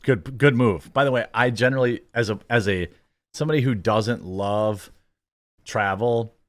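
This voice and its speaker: A man hosting a show, giving casual reaction commentary in a rambling, halting, conversational way. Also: mid-range voice, dry recording, studio quality.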